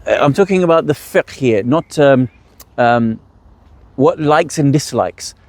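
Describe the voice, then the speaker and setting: A man's voice: mid-range voice, lively intonation, unhurried, no echo. A man leading a religious workshop, explaining rules and asking the audience rhetorical questions before answering them. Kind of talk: explanatory teaching talk.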